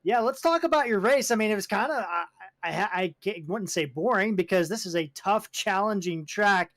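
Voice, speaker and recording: A male pit reporter whose questions ramble and double back on themselves. His voice sits high for a man, and the recording is dry and close. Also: animated, moderate pace, a bit bright, dry recording. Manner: rambling, self-correcting questions. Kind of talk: post-race interview.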